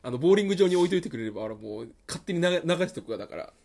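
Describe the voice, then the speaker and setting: Fast-talking lively young-sounding man. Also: on the high side, gravelly. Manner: quick, teasing, animated banter. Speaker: podcast co-host. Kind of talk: casual chat.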